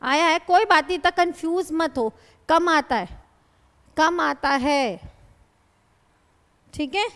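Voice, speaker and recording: A woman's voice: high voice, slow pace, pauses often, a bit bright. A woman teaching Hindi grammar in a classroom lecture. She explains patiently, asks her students questions and calls them "beta". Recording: long hall reverb.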